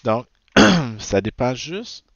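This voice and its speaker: Speaking very slowly yet very animatedly, a man with a Québécois French accent teaches a recorded physics lecture in a medium-pitched voice with vocal fry and a bit of brightness. He tosses in frequent "ok?" checks and self-corrections. The recording is dry, dull and lo-fi.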